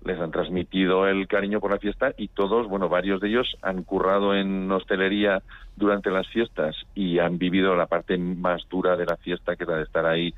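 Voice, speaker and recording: This interviewed documentary filmmaker, a man from Pamplona, Spain, speaks in a northern Spanish accent, chatting casually and anecdotally through a phone-like radio link. His voice sits low with little pitch movement, his speed is normal, and the recording is dry.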